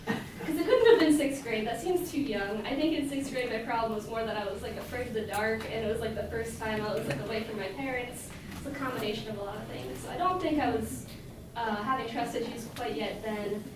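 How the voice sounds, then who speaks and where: A young woman with a somewhat high voice tells a personal story on stage, chatty and full of fillers, laughing often. Her voice comes from a distance in a very echoey hall. There is clear room noise behind her. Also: brisk. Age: young adult.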